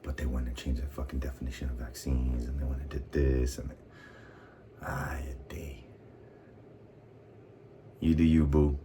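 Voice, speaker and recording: A man's voice: rumbling low, level tone, a little slow, long pauses, warm tone, soft background music. An American man vlogging in a casual monologue, swearing often as he rambles heatedly. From United States.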